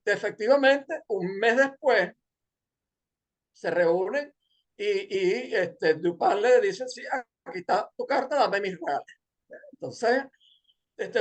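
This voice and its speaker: Venezuelan male seminar lecturer, casual, digressive, many fillers, wry jokes. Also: high voice. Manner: digressive, hesitant, joking asides. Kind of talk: informal lecture retelling a story.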